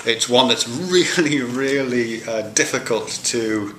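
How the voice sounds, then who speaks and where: A man's voice: mid-range voice, takes it slowly, bright, forceful tone. A man, an academic lecturer, reading out points and explaining them informally with fillers and restarts. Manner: reads points aloud then explains casually, with fillers. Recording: echoey room with faint noise.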